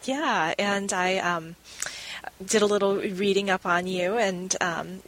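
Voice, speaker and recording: A woman's voice: medium pitch, takes it slowly, a bit bright, low-quality recording. A woman hosting a podcast, reading a scripted introduction and then asking encouraging, slightly hesitant questions. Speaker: podcast host, coach.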